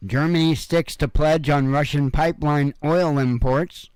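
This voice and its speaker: Man, slow unhurried delivery, smooth clear voice, dry close sound, offhand headline commentary. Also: on the high side, fairly even intonation, a little mellow, no room sound. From Illinois, USA. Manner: offhand, rambling asides with many fillers. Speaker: news commentary host. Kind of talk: casual headline read-through with commentary. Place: home room.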